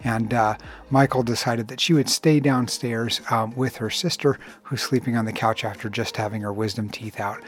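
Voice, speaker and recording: A man in his forties, with a mid-range voice at normal speed, hosts a casual solo podcast. He talks in a relaxed, rambling way full of filler words, recording from inside a small clothes closet at home.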